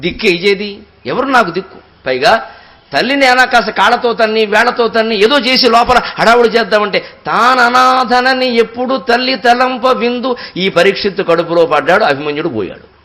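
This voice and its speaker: A man giving a devotional discourse, telling stories expressively and chanting verses slowly and at length. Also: high-pitched. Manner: expressive storytelling, slow drawn-out verse recitation. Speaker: spiritual discourse speaker.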